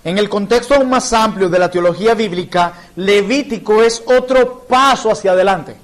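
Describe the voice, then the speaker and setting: A man's voice: high voice, moderate pace. A man from Colombia, a pastor, teaching a church Bible class in an earnest, explanatory way and illustrating points with personal stories.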